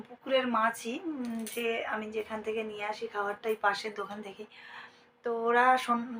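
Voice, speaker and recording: A woman's voice: a little high, a little hiss or hum. A young woman with a Bengali accent, talking chattily to her viewers as friends in a casual home vlog. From India. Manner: speaks softly at times so her sleeping daughter is not woken. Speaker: vlogger. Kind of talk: casual daily vlog narration. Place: at home, indoors.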